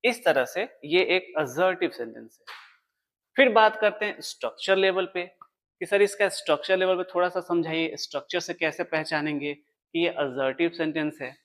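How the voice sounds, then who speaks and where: A man's voice: fairly high pitch, moderate pace, fairly bright tone. A man teaching an English grammar lesson, explaining step by step and answering his own questions. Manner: writes on a board while explaining.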